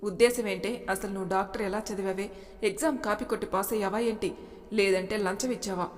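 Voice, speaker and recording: A woman's voice: medium pitch, fairly even intonation, a little fast, lightly acted. A woman voicing a possessive young husband who talks in blunt commands and threats. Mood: teasing scolding. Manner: commanding, menacing. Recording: long reverb.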